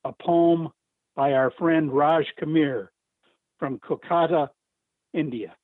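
A man's voice: a little high, takes it slowly, no echo. A man calling in over the phone, reading a poem and speaking in an earnest, hopeful way. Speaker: caller reading poetry. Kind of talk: slow earnest reading and chat. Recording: tinny phone line.

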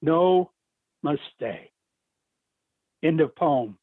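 A man's voice: a little high, expressive, extremely slow, husky, no echo. A man calling in over the phone, reading a poem and speaking in an earnest, hopeful way. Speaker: caller reading poetry. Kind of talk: slow earnest reading and chat. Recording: tinny phone line.

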